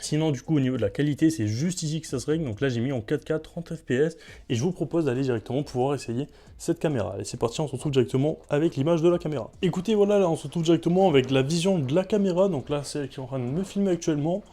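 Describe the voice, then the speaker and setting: A man's voice: a little high, rapid-fire, mellow. A man presenting a product review vlog in a chatty way, with frequent fillers. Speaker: tech reviewer.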